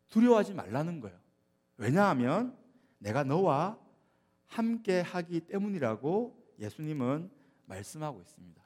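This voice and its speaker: A man preaching a sermon as a pastor, speaking expressively and growing emphatic when he quotes scripture. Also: on the high side. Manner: expressive, rising to emphatic when quoting Jesus.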